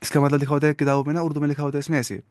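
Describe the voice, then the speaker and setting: A man's voice: fairly high pitch, level tone, darkish tone, no room sound. A man teaching an Arabic lesson, patiently quizzing his students and praising their answers, with English words mixed into his explanations. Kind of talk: classroom-style language lesson.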